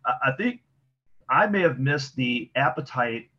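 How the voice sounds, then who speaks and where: Husky-voiced man on dull remote audio. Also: medium pitch, animated, unhurried, sharp tone. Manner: easygoing, conversational, thinks aloud with fillers. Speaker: podcast co-host. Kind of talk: casual political chat.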